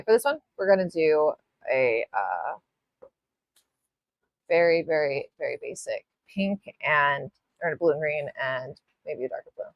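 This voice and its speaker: A woman's voice: low-pitched, no room sound, highs cut off. A woman hosting a live nail art tutorial, chatting casually as she works, rambling, apologizing and swearing a little. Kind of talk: live-stream tutorial chat.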